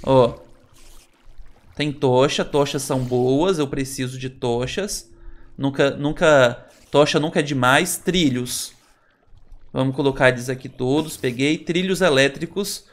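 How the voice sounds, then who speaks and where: A man's voice: mid-range voice, a little slow. A Brazilian man hosting a Minecraft let's play, chatting to viewers and nervously exclaiming as he explores. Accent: Brazilian Portuguese. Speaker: gaming channel host.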